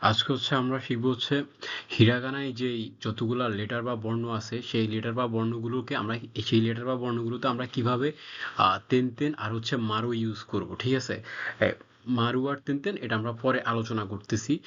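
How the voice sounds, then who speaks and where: A man's voice: medium pitch, fairly even intonation, a little fast, fairly bright tone. A man teaching a casual language lesson, informal and repetitive, with frequent fillers. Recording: slightly dull lo-fi audio.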